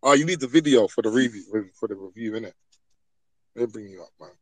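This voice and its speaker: A man's voice: lowish voice, fast talker, dry recording, low-quality recording. A young man hosting a casual chat, teasing his guest in a laid-back way and talking over interruptions. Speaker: host.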